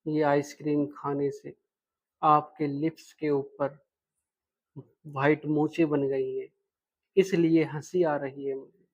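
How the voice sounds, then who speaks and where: A man's voice: fairly high pitch, little pitch movement, slow, long pauses, dull audio. A man voicing a shy young man. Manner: hesitant, soft-spoken.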